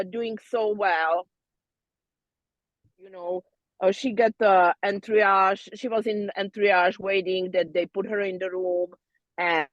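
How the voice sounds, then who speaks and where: Halting woman telling a story over a call. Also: medium pitch, no echo, dull audio. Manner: halting storytelling with many fillers and restarts; non-native phrasing, loose grammar. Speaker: doula student. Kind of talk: casual birth debrief to peers.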